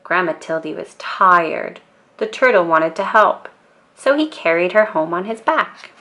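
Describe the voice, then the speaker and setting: A woman storyteller narrating a children's bedtime book in a calm, expressive and deliberate way. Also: lowish voice.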